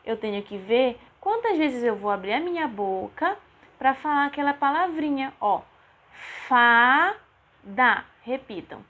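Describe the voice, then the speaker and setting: A woman's voice: sits high, very animated, normal speed. A woman teaching young children in a recorded lesson, with a patient sing-song way of breaking words into syllables. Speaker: primary school teacher.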